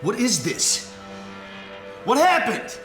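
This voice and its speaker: A man's voice: mid-range voice, animated, a little fast, natural voice. An actor playing an agency deputy director racing to save his kidnapped daughter, urgent and commanding in action film dialogue. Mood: frantic. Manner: urgent, commanding, increasingly agitated. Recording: film dialogue under loud score. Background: film music.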